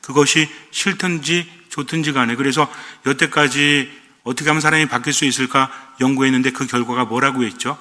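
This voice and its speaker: Bright-voiced priest preaching in a hall. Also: male voice, medium pitch, steady tone, a little fast, hardly any pauses. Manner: conversational, quizzes the audience with rhetorical questions. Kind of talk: lecture-style homily.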